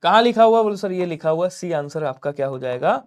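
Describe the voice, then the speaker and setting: This animated Hindi teacher from Lucknow, India, speaks with a fairly high voice while leading a live online class for exam preparation. Asking his own questions and then supplying the answers, he keeps a call-and-response beat going and repeatedly presses viewers to post comments fast.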